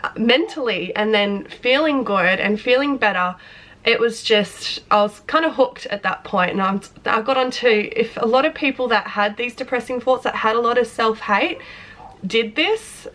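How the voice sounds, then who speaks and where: A young woman telling her own story on a vlog, hoarse from a flu, speaking in a candid, rambling and emotional way. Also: a little high, moderate pace, fairly bright tone. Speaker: vlogger and personal trainer. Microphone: front camera close up.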